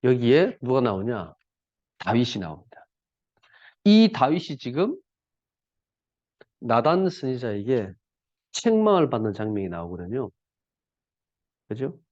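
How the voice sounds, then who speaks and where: A man's voice: mid-range voice, very animated, measured pace, long pauses, a little mellow, dry recording. A male pastor preaching a sermon in a conversational, colloquial way, often asking the congregation rhetorical questions. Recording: dull lo-fi, dry.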